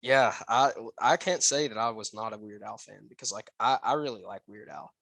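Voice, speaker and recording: Young man, podcast co-host, bright voice, dry close sound, eager stammering casual chat. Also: on the low side, normal speed, vocal fry, no room sound. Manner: enthusiastic, stammering, lots of "like".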